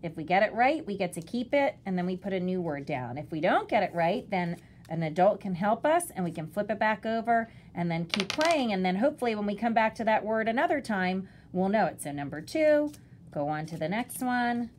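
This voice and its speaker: Woman, kindergarten teacher, mid-pitched voice, simple step-by-step instructions for parents, faint background noise. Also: big pitch swings, brisk, a little mellow. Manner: simple step-by-step explaining, sounding out words.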